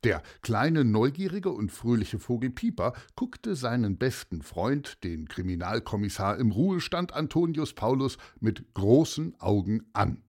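A man narrating a children's story, expressive and addressing young listeners directly. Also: mid-range voice, measured pace, hardly any pauses.

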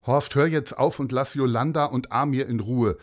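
A man's voice: mid-range voice, normal speed, close to an everyday voice. A man voicing an exasperated female schoolteacher who scolds a pupil in a raised voice. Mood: scolding.

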